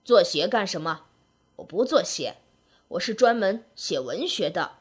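A man's voice: high-pitched, expressive, normal speed, darkish tone, husky, voice pushed down, exaggerated voice. A woman voicing a pompous, touchy old male writer who speaks in an indignant, self-important way, in a spoken story. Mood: huffy, proud.

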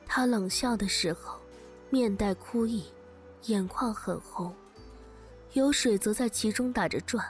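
A woman's voice: mid-range voice, unhurried, long pauses, soft background music. A woman narrating a romantic story in the first person, emotional and breaking into tearful cries in the spoken lines. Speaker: audiobook narrator.

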